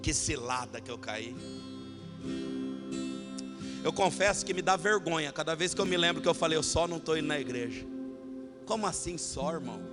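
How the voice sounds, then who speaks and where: A man preaching a sermon as pastor, telling a personal story and building from quiet narration to shouted, passionate climaxes. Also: a little high, animated, normal speed, long pauses, music in the background.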